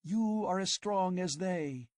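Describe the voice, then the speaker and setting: Narrating an audiobook, a man voices a fierce, passionate young woman who pleads urgently and breathlessly, raising his pitch above his natural voice. The delivery is high, slow and darkish, captured as clean studio sound with no room noise.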